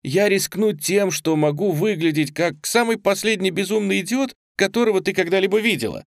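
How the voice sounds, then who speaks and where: A man's voice: sits high, a little fast, creaky, dry recording, voice pushed up. A man voicing a clumsy young male cook who stammers and pleads in a flustered way.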